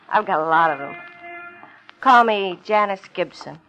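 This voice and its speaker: An actress in a 1950s radio drama plays a bitter, world-weary young woman, sounding wry, vulnerable, and confessional. Her mid-range voice is animated, but she speaks slowly. The old recording is dull, with music underneath.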